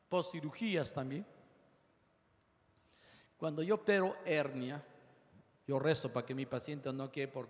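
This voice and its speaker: Animated male surgeon lecturing in a reverberant hall. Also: on the high side. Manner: animated, rapid lists, acts out patients. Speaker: surgeon lecturing medical students. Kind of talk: medical lecture.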